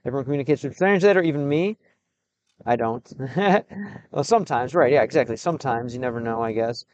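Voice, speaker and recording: A young man from the United States chats with his stream viewers, switching between English and halting Russian and pausing often to read the chat. His voice is mid-range and a little mellow, and the audio is dull.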